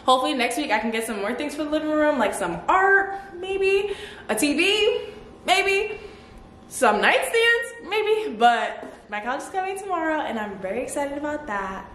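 A young woman chatting excitedly to the camera in her apartment for a casual vlog. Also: high-pitched, moderate pace, slight background noise. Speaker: vlogger. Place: apartment at home. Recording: echoey room.

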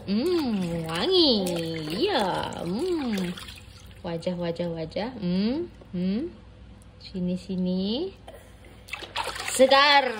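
A woman's voice: mid-range voice, background noise. A mother in a playful vlog, coaxing her baby in a sing-song, urging way. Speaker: mother, vlogger.

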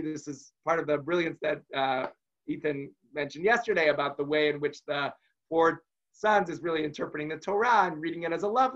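A man's voice: on the high side, fairly bright tone, muffled recording. A man teaching an online class as a rabbi, talking conversationally and acting out quoted voices. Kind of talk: online lecture.

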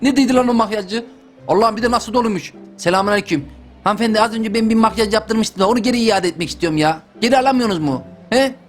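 A man's voice: high voice, fast, soft background music. A young man doing joking lets-play commentary for a gaming channel, talking straight to his viewers. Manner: excitable, joking, talks to viewers. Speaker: gaming youtuber.

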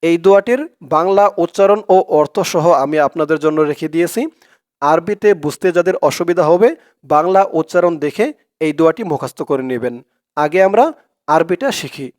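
Bangladeshi male teacher, smooth ringing voice, patient letter-by-letter recitation lesson. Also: a little high, a little mellow, no echo, studio quality. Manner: slow, drawn-out recitation of each word, then plain explanation. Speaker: Quran and dua teacher. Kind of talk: spelling out and reciting an Arabic prayer for viewers.

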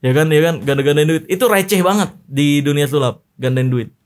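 A man with a notably high voice, chatting casually as a podcast guest. He tells stories in a lively, mocking way and laughs often. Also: a little fast. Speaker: magician guest.

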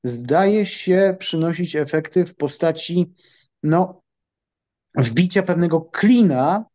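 A middle-aged man from Poland, a military analyst answering interview questions in a measured, halting way with many filler pauses. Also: fairly high pitch, lively intonation, a little mellow.

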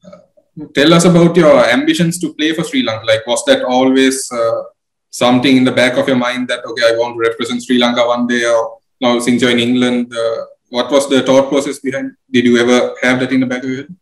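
A man's voice: medium pitch, flat delivery. Young male interviewer in a roomy room. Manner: measured, halting questions with many fillers. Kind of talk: interview questions. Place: room with bookshelves indoors. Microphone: video call webcam. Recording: roomy webcam audio.

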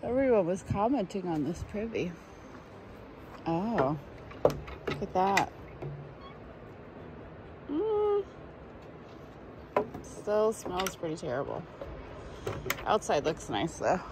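A woman with a fairly low pitch narrates slowly, often pausing, during a nighttime hike on a rocky beach. Filming on a body-worn camera with noisy outdoor sound, the vlogger is chatty and playful, breaking into excited exclamations.

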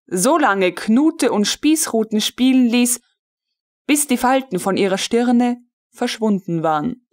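A woman narrating a literary audiobook in a measured, deliberate way. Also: mid-range voice, darkish tone.

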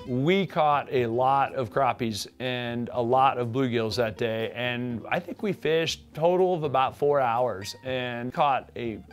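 A man's voice: medium pitch, slow, hardly any pauses, soft background music. Plainspoken man recapping a fishing day. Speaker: fishing show host. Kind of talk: studio recap narration. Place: indoor studio with tackle wall.

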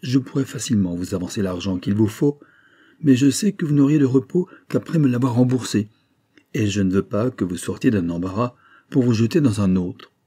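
A man reading an audiobook, voicing a mysterious old count who speaks with calm, measured persuasion. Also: medium pitch, breathy edge, lightly acted. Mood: persuasive. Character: mysterious old male count, a wonder-worker.

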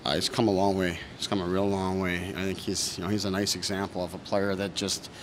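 A male head coach in his thirties gives post-game press conference answers in a low monotone. His manner is measured and thoughtful, full of fillers and restarts. He stands before a sponsor backdrop in a noisy press room, with several reporters' handheld mics held close.

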